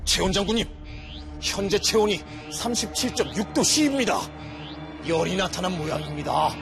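Fussy high-voiced cartoon aide. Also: male voice, normal speed, vocal fry, over music. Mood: deferential. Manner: obsequious to superior, scolding to others. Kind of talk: children's educational cartoon acting.

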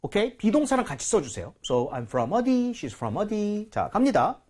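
Male English teacher, husky and very animated, patient quizzing style. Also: sits high, measured pace. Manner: patient, quizzing, explains and corrects. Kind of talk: English lesson with a student.

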